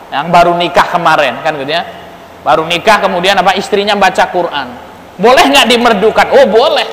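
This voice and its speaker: A man giving a relaxed religious lecture, teasing his listeners and asking them questions. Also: sits high, slight background noise. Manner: joking, asks the audience questions. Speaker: ustadz teaching a study circle. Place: prayer room. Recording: echoey prayer room with long reverb.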